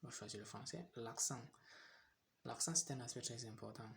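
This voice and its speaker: A man's voice: mid-range voice, steady tone, moderate pace, creaky, fairly bright tone, slight background noise. A young man from Cameroon, walking viewers step by step through an app tutorial, often hesitating and repeating himself. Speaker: tutorial host. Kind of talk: screen-recorded phone app tutorial.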